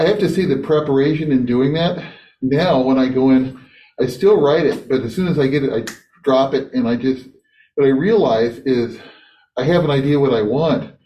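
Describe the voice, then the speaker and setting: A man's voice: mid-range voice, dark tone. A man who teaches music earnestly explaining his experience in a group discussion at a Zen center. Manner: earnest, explanatory, clears throat. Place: Zen center meditation hall. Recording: echoey hall, distant mic.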